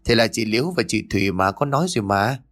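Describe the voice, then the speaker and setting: A man's voice: on the low side, fast talker, fairly bright tone, soft background music. A man voicing a small boy who whines and pleads in a raised childish voice. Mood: eager. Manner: whiny, pleading. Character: small boy, whiny and insistent.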